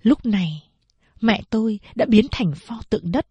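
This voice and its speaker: A woman narrating a novel aloud in a measured storytelling manner. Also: fairly high pitch, lively intonation, warm tone, husky, dry recording, dull audio. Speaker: audiobook narrator. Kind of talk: scripted narration.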